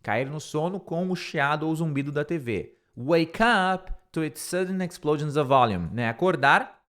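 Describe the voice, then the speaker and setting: Lively man teaching English. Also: on the high side. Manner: repeats words slowly, checks in with "tá?" and "né?". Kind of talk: online language lesson.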